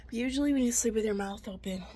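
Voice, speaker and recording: A young adult woman chatting casually in a video diary, unwell with a swollen throat, often trailing into a breathy murmur. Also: on the high side, fast talker, mellow. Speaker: vlogger. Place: small rooms at home. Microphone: handheld phone at arm's length.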